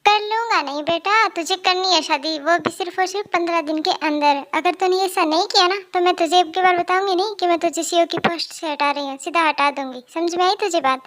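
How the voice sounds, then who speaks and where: Girl doing a strict angry mom, director of the company, scolds nonstop, high voice. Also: brisk, few pauses, fairly bright tone. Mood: scolding. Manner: scolding, threatening. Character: stern middle-aged mother, company director, scolding.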